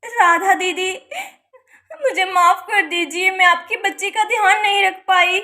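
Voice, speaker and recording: A woman's voice: very high voice, fairly even intonation, unhurried, bright, forceful tone, exaggerated voice. A woman voicing a young aunt in a doll story, pleading and apologetic.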